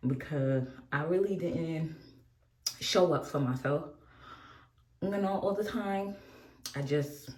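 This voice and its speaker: Her voice is deep and darkish, delivered slowly with long pauses. She's a beauty vlogger in her 40s, doing her makeup while rambling, laughing frequently and chatting openly in a casual get-ready-with-me video recorded in an echoey room.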